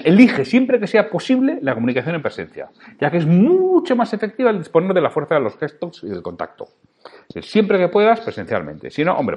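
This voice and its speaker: Lively, emphatic Spanish man coaching. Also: mid-range voice, husky. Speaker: podcast host on sales. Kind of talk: solo instructional podcast.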